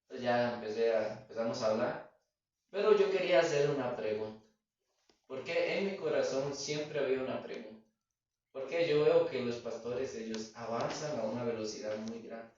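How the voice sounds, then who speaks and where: A man's voice: mid-range voice, darkish tone. Male church speaker, earnest testimony; distant and heavily reverberant. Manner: earnest storytelling, asks himself questions. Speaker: church member giving testimony. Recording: very echoey, distant, dull sound.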